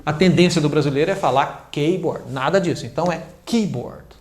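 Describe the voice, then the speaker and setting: Brazilian-accented male teacher, higher voice, echoey room, explanatory and emphatic delivery. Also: quick pace. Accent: Brazilian Portuguese. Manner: explanatory, emphatic on stressed syllables. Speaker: English teacher.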